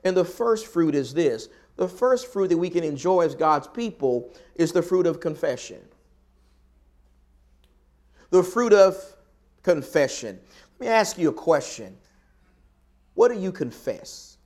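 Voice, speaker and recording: Southern us guy preaching a sermon, kinda high voice, repeats lines and pauses to drive them home. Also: animated, a little mellow. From American South. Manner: rhetorical repetition with emphatic pauses.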